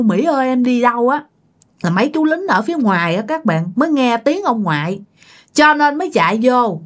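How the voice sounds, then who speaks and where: Woman telling a story. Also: a little high. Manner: conversational, addresses listeners directly. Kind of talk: spoken ghost-story narration.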